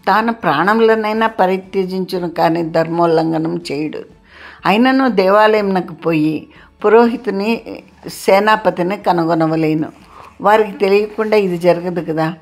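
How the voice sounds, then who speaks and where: A woman reading a classic novel aloud in a steady, formal literary manner. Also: on the low side, a little slow. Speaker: audiobook narrator.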